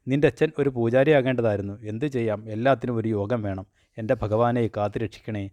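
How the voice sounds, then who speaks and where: A man's voice: medium pitch, fast talker, warm tone, dry recording, close to an everyday voice. A man reading as a grumbling old grandmother. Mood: lamenting.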